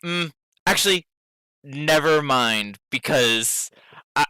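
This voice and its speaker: Clear, bright-voiced man running a tabletop game. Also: on the high side, expressive, takes it slowly, dry recording. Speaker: game master. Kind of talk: casual improvised tabletop game narration.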